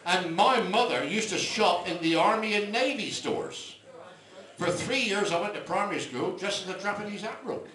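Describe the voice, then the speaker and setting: In a comedy venue, an older stand-up comic with a high, animated voice talks at normal speed, mixing dry one-liners with rambling detours. The sound is echoey and distant-miked, with a loud, laughing crowd.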